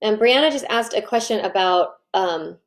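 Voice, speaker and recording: A woman coaching parents in a live online training, chatty and lively, often acting out what parents and kids say. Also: mid-range voice, moderate pace. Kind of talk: live online training, answering viewer questions.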